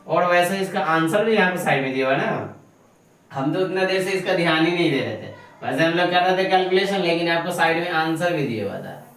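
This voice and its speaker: Echoey, far-miked teacher. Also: male voice, fairly high pitch, slight background noise. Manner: asks himself questions and answers them, coaxing; fondly calls students "babu". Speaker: math teacher. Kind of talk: online exam-prep lecture. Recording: very echoey room, mic set far off.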